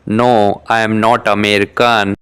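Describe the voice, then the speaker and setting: This English lesson dialogue reader has a somewhat low male voice and speaks in an unhurried, crisp, careful, even way. He reads scripted beginner question-and-answer exchanges meant for shadowing practice, each said twice with measured, well-articulated delivery.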